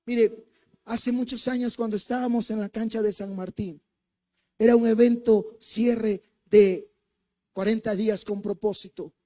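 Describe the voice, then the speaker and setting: A man with a Mexican accent, a co-pastor preaching in church, who tells a personal story with animated swings between loud and hushed speech and acts out the voices in it. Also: high voice, unhurried. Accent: Mexican Spanish.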